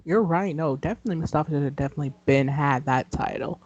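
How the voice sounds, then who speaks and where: Brief: podcast co-host, mellow dark tone, emphatic casual chat, slightly dull sound. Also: mid-range voice, fast. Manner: emphatic, chatty with "y'all" and "like".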